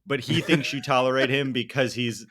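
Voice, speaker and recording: A man's voice: medium pitch, fairly even intonation, moderate pace, a bit bright. A young adult man co-hosting a soccer podcast, bantering in a joking, irreverent way and laughing often. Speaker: podcast co-host.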